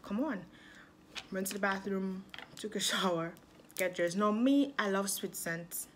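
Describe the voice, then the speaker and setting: Young dominican woman telling a storytime vlog, chatty and animated, mid voice. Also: mid-range voice, unhurried, a little hiss or hum. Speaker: vlogger.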